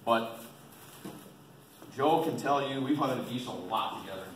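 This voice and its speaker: An experienced waterfowl hunter runs an informal seminar for a group at a museum, talking in an unhurried way at medium pitch. He is plain and folksy, restating points for emphasis, and the audio is roomy and distant with a little noise.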